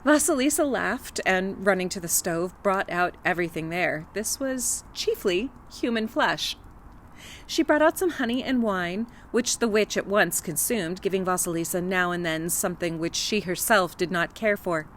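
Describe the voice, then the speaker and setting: Expressive woman reading a folktale. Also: lowish voice, normal speed, slight background noise. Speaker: storyteller. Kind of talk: folktale read-aloud narration.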